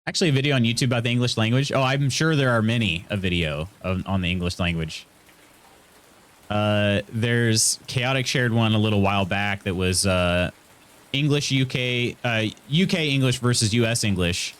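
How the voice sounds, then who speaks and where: A man's voice: fairly low pitch, normal speed, a bit bright. A man with a Midwest American accent tinged with Southern, chatting casually as he streams a game, rambling and joking as he reads out comments. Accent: American Midwest with some Southern. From Indiana, US Midwest. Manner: jokey, rambling, reading viewer comments aloud. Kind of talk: casual live gameplay chat.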